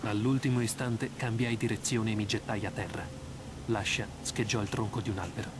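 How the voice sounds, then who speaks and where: An actor voicing a tense male writer narrating his own nightmare in a dubbed video game. His voice sits low and grave, the delivery measured like a storyteller's. A clear hiss of game noise sits behind him. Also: fairly even intonation, lightly acted. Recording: game audio with background noise.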